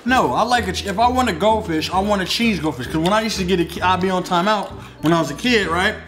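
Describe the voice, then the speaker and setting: A young American man with a fairly high voice trades casual banter as a co-host. He is slangy, wisecracking and impatient, with music and crinkling packaging behind him. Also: quick pace. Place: home kitchen, indoors.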